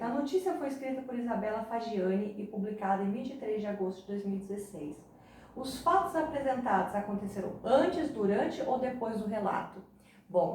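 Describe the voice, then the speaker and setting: A woman teacher going through workbook exercises for her students in a patient way, often pausing to check in with them. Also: medium pitch, dark tone, recorded from a distance. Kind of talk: recorded remote lesson explaining exercises. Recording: very echoey room, voice from off the mic.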